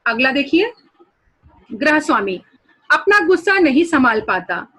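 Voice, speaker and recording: A woman's voice: sits high, big pitch swings, unhurried, pushed and bright. A woman teacher explaining a story lesson to students, guiding them through pictures and new words.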